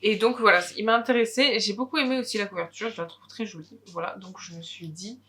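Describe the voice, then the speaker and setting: A woman's voice: medium pitch, steady tone, fast, fairly bright tone. A woman co-hosting a book video, chatting casually about new releases with many hesitations.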